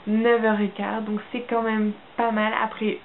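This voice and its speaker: Young woman from France, casual vlog chat, halting delivery full of fillers, thin phone-like sound with faint hiss. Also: fairly high pitch, little pitch movement. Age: young adult. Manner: hesitant, many fillers and restarts. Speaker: au pair vlogger.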